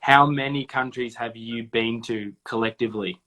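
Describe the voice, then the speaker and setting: Joking, bright-voiced young host. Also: male voice, medium pitch, fairly even intonation, moderate pace. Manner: jokey, chatty. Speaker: youth ministry host. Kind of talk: casual video chat.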